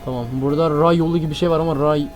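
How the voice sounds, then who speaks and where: A man narrates a game in a frantic rush, repeating phrases and calling out to his viewers as friends. His voice sits fairly high yet sounds warm and mellow. Faint music plays underneath. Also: steady tone, very fast. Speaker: Minecraft gameplay streamer. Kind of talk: excited gameplay commentary.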